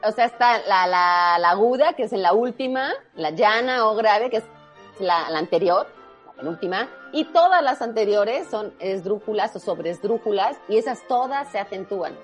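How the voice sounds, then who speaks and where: A woman's voice: mid-range voice, expressive, moderate pace, faint music behind. A woman from Spain who patiently explains spelling rules step by step in a casual chat. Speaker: spelling quiz guest expert.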